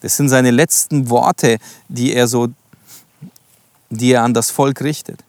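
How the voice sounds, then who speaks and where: A man's voice: mid-range voice, steady tone, a little slow, no echo. Man, preacher, Bible sermon, reads verses and stresses words, dry close sound. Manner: reads scripture aloud and explains it, stressing single words; addresses listeners directly and politely.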